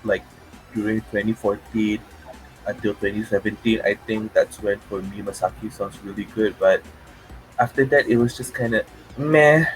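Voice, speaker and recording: A man in a casual group chat who speaks in a relaxed, blunt way. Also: lowish voice, moderate pace, soft background music, poor audio. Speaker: guest.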